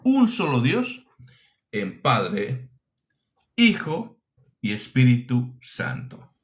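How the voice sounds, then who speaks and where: A man's voice: mid-range voice, huge pitch swings, extremely slow. A man from preaching a teaching sermon, emphatic, asking rhetorical questions and repeating his phrases.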